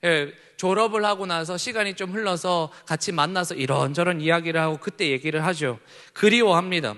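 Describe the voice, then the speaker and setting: A man in his thirties preaching a sermon to teenagers as youth pastor, moving between hushed, soft remarks and loud, fervent exclamations. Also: fairly high pitch, brisk. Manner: animated, swings between hushed asides and loud shouted slogans. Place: church sanctuary. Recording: long hall reverb.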